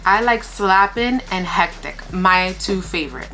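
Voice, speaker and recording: A woman's voice: mid-range voice, lively intonation, a little slow, background noise. A woman co-hosting a casual eating show, chewing while she talks in informal, slangy, repeated phrases. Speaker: mukbang co-host. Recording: music playing behind the talk.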